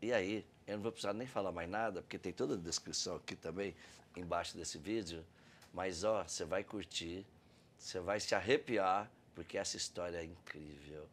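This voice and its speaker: A man's voice: low voice, normal speed, slight background noise. A Brazilian man hosting a podcast, effusive and emotional as he introduces his guests. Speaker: podcast host.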